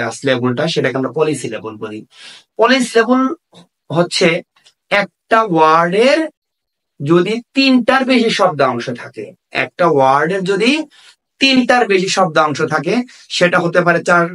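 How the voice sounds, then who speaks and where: Bangladeshi Bengali male teacher, slightly high voice. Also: a bit bright. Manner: repeats key phrases slowly with fillers. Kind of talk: explaining an English grammar lesson.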